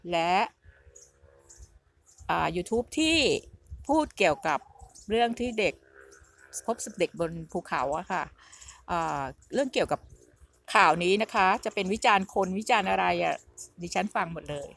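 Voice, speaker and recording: A woman's voice: mid-range voice, animated, measured pace, vocal fry, long pauses, a bit bright. A middle-aged woman vlogging in a casual, rambling storytelling style, often repeating herself as she talks.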